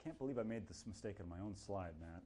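A man's voice: on the low side, fast talker. A man lecturing a university class in a casual, joking way, acting out little quoted voices as he explains. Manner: lively, jokey, acts out quotes. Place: lecture hall.

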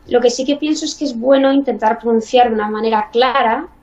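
A woman with a Spanish accent from Spain speaks as an interview guest. She talks in a chatty way, thinking aloud as she goes, and her fairly high voice sounds distant. The recording is dull and lo-fi. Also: a little fast, a little mellow. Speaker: guest, bilingual parent. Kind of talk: casual interview.

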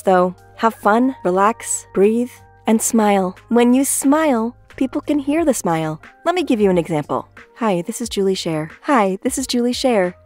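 A woman's voice: mid-range voice, a little mellow. Upbeat woman coaching voice actors. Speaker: voice acting coach. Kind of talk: tips to camera.

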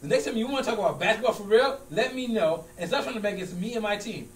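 Distant echoey room. Male actor as stubborn, argumentative coach in a comedy scene, very animated delivery. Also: sits high, fast. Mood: indignant. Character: stubborn, easily riled basketball coach arguing with friend. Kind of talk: acting class comedy scene. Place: large room with small stage, indoors. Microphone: far camera.

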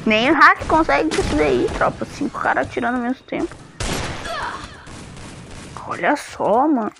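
High-voiced Brazilian gamer trash-talking. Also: male voice, very animated, normal speed, creaky, noisy background. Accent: Brazilian Portuguese. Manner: trash-talking, complaining about lag. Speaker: gamer streamer. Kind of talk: live gameplay commentary. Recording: loud game gunfire underneath.

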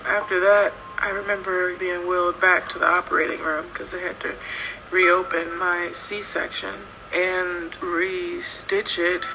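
A woman's voice: fairly low pitch, background noise. A woman telling an emphatic, emotional personal account of complications after giving birth, in an interview clip. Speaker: interviewee recounting childbirth complications.

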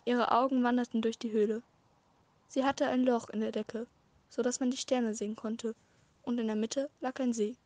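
A woman narrating a fan-written story as a short audiobook, with a measured, dramatic reading and occasional slips. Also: a little high, steady tone, a little mellow, no room sound. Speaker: amateur audiobook reader.

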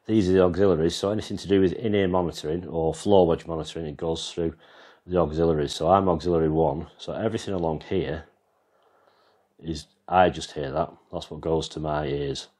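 A very deep-voiced English man talks through his band's live mixer in a loose, rambling way, pointing things out as he films it freehand. His voice sits extremely low and comes from a handheld camera. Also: fairly even intonation, a little fast, darkish tone. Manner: rambling, explains as he goes. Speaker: vlogger and band musician. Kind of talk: casual walkthrough demo.

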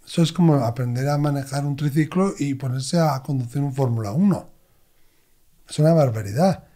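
A man, a medium, telling expressive stories as an interview guest. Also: medium pitch, normal speed. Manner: expressive, animated anecdotes. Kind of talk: conversational storytelling.

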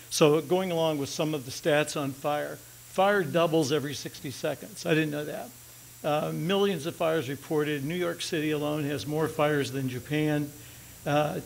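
On stage in a big auditorium, an older executive speaks into a podium mic during a conference talk, keeping it loose and chatty with dry humor. His voice is a little high and gravelly. The recording is rough, carrying a little hiss or hum.

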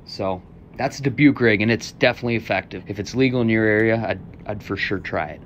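A man's voice: on the low side, fast talker, slight background noise. Young man explaining a fishing rig. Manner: relaxed, instructional, easygoing. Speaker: fishing vlog host.

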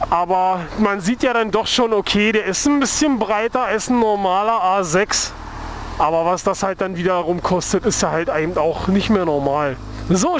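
A young motovlogger rides through city traffic, chatting casually into a helmet-mounted mic with his visor open. His voice sits high, and he rambles in a laid-back way, full of fillers. Wind and traffic noise fill the outdoor recording.

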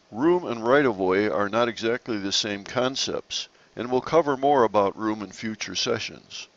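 A man narrating a slide-based lesson on sailing rules in a measured, explanatory way. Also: lowish voice, vocal fry, a bit bright, highs cut off. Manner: measured, explanatory, occasional restarts.

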